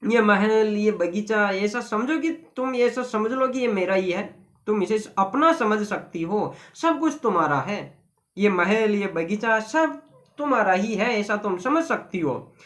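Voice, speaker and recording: A teacher voicing a rich older man who owns a garden, speaking in a gentle, coaxing way during a story lesson. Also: medium pitch, lively intonation, unhurried.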